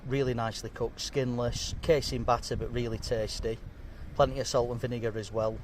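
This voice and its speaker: A chatty, jokey man reviews fish and chips to camera from an outdoor table, his voice sitting at a middle pitch. Faint street and traffic noise hums behind him. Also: little pitch movement, brisk, a little mellow. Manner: chatty, jokey, talks while eating. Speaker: food vlogger. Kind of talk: casual food review to camera.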